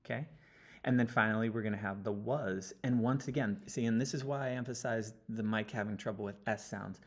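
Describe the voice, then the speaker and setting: A man talking through an audio analysis step by step, often checking in with a quick "okay?". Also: fairly low pitch. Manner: explanatory, checks in with frequent "okay?". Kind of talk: screen-recorded audio analysis walkthrough. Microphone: computer mic, sitting close.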